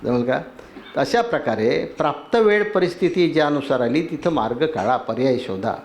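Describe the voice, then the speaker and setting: A man preaches a devotional sermon in a slightly high voice. He runs through lists of terms in a steady rhythm and keeps checking with his listeners. This is a spiritual teacher addressing a gathering. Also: normal speed. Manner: asks the audience for agreement.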